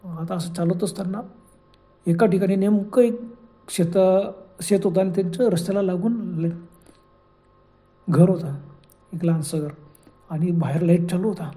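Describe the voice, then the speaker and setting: Dark-voiced male horror storyteller. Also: high voice, measured pace, long pauses. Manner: dramatic, suspenseful telling.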